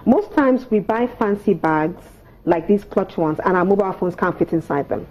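Seated on a TV morning show's sofa set as a studio guest, a Nigerian woman in her thirties who coaches etiquette gives explanations with prim, precise, instructive diction. Her medium-pitched voice is animated at a moderate pace, and the sound is lo-fi.

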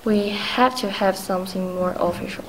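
A woman's voice: mid-range voice, steady tone, normal speed, natural voice, rough recording. A woman acting a polite but unbending telephone operator in a 1940s-style radio play, courteous and procedural. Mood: apologetic, firm.

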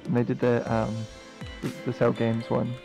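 A man co-hosting a casual podcast stream, chatting excitedly while watching a game, laughing and repeating himself often. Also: medium pitch, moderate pace, vocal fry, music in the background, poor audio. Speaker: podcast co-host.

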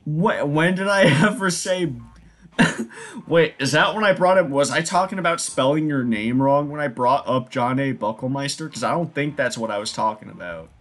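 A young man streaming a game, chatting casually with loud jokes and laughter. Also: on the high side, normal speed. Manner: loud, laughing, joking, lively. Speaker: gaming streamer. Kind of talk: casual chat while playing.

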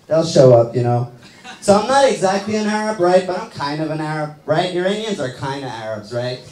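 A man's voice: fairly high pitch, lively intonation, fairly quick, darkish tone. A young man from Iran doing a stand-up set on a small club stage, talking loosely into a handheld mic, with lots of fillers and tag questions. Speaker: stand-up comedian. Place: small comedy club stage with live audience. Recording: roomy club sound.

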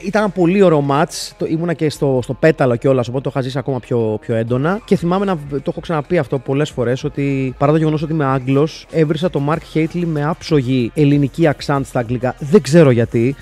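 A man telling stories as an interview guest, rambling and correcting himself, and growing loud and animated when excited. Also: on the high side, hardly any pauses, soft background music. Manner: rambling, with frequent self-corrections and restarts. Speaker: interview guest, football fan. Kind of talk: casual anecdotal storytelling. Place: seated in an armchair in a studio.

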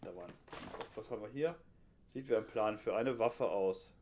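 A man with a fairly low, darkish voice narrates a horror game at a normal pace, cracking jokes in casual let's-play style. The home headset recording carries a little hiss or hum.

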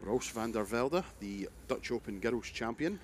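A man's voice: medium pitch, expressive, unhurried. A man giving live darts commentary alongside a co-commentator. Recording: faint venue noise behind.

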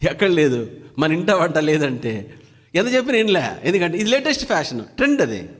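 A man's voice: on the high side, big pitch swings, fairly quick, in a large hall. A man preaching a daily devotional sermon who keeps firing rhetorical questions at his listeners. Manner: fires repeated rhetorical questions.

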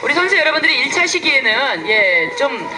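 A woman's voice: high-pitched, big pitch swings, brisk. A woman doing live motorsport commentary, announcing off-road race entries and chiming in with her partner. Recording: echoey PA sound, faint engine noise. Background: vehicle noise.

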